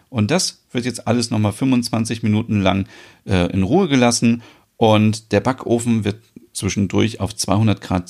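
A man giving scripted narration for a podcast soap opera, reading in a calm, even way. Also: on the low side, vocal fry.

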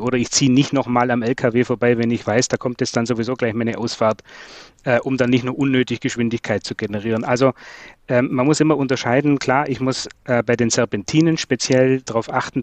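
A man's voice: medium pitch, fairly even intonation, fairly quick, no room sound. German man explaining brake technology. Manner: explanatory, many fillers and repeated words. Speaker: trailer brake expert guest. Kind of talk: technical podcast conversation.

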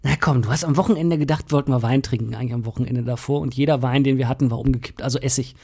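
A man, telling a funny anecdote as a podcast co-host, animated and full of laughs. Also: medium pitch, rapid-fire, husky. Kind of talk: casual storytelling chat.

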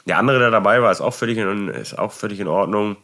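A man telling a work story in casual chat, animated and exasperated, with many restarts and tag questions. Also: lowish voice, quick pace.

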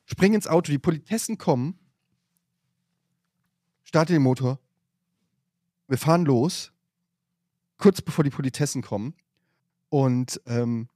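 A man spins a lively anecdote on his podcast, jumping in and out of quoted voices. His voice is slightly husky at a middle pitch. The sound is close and dry. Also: a little slow, long pauses, no echo. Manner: animated anecdote-telling, voices his mother. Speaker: podcast host. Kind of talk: casual storytelling chat.

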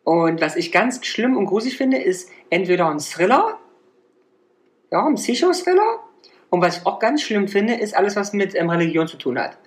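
A woman's voice: sing-song, normal speed. A woman in casual podcast chat, blunt and teasing with her co-hosts. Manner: blunt, teasing, swings pitch widely. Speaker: podcast co-host.

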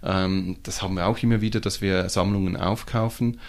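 A man with a Swiss German accent talks casually as a guest about his trade. His voice sits fairly low, and he speaks in an animated way, full of fillers and quick restarts. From Switzerland. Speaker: comic shop owner, guest. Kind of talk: casual podcast conversation.

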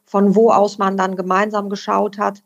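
A woman speaking as an official, explaining in measured, formal phrasing. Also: medium pitch, little pitch movement, vocal fry, highs cut off. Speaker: deputy head of a youth welfare office. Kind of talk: explanatory interview talk.

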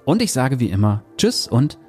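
A man presenting a novel, reading an excerpt aloud and then discussing it in a calm, measured way. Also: medium pitch, faint music behind. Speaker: book reviewer. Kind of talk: book review with read-aloud excerpt.

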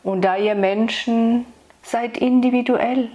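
A woman speaking as a spiritual meditation guide, soothing and intimate, addressing the listener solemnly and tenderly with long pauses. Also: a little high, fairly even intonation, warm tone, highs cut off. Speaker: spiritual meditation guide delivering channeled messages.

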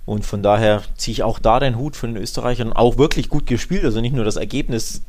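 A man co-hosting a football podcast talks fast in a mid-range, slightly mellow voice. The chat is casual, and he often adds short questions to the ends of his sentences.

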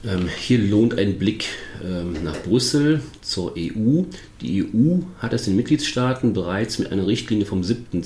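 A man hosting a tax advice podcast, explaining in a measured way with many fillers and restarts. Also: low voice, roomy sound. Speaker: tax advisor podcast host. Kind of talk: informational podcast monologue.

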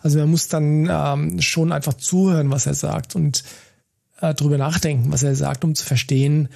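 A man's voice: a little high, fairly even intonation, normal speed, creaky, a little mellow. A man co-hosting a casual conversational podcast, talking in a hesitant way with many fillers and restarts. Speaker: podcast co-host.

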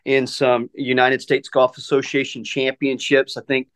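A man's voice: mid-range voice, completely flat delivery, moderate pace, fairly bright tone, clear, resonant tone. Man in his forties chatting as guest. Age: 40s. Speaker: guest, professional golf caddy. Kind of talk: casual interview chat.

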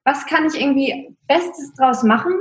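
A woman's voice: high-pitched, moderate pace. A woman speaking as an interview guest in casual conversation, reflective and thinking aloud with many fillers. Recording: roomy echo.

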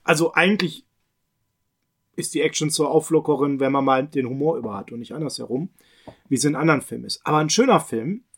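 A man's voice: fairly high pitch, fast talker, fairly bright tone, husky. A middle-aged man co-hosting a podcast, chatting casually and emphatically about films with slangy enthusiasm. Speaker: podcast co-host.

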